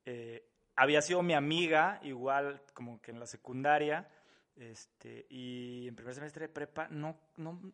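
A man's voice: medium pitch, a little slow, fairly bright tone. A man in casual chat, easygoing and self-mocking. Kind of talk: casual chat among friends.

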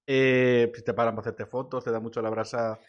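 A male interviewer at a middle pitch, keeping a casual chat moving with short, quick prompts. His audio sounds a little dull and lo-fi. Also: little pitch movement.

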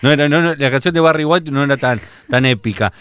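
A man with a porteño accent, hosting a casual chat, relaxed and joking, asking long questions. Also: mid-range voice, fast talker, smooth, no echo. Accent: porteño Argentine Spanish. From Buenos Aires. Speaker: host.

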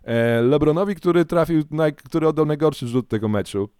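A man co-hosting a podcast, chatting casually in an animated, rambling way and often correcting himself mid-sentence. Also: on the high side, a little fast, clean tone, no room sound, clean studio sound. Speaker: podcast co-host. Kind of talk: casual chat.

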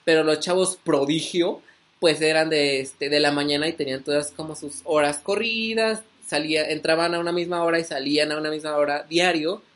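A man's voice: on the high side, steady tone, brisk, fairly bright tone. Young Mexican guy, vlogger, loose rambling storyteller full of fillers. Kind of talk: casual storytelling.

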